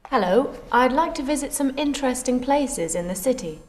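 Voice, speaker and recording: A woman's voice: high voice, lively intonation, normal speed, a little mellow. An actress playing a polite female tourist in a scripted dialogue.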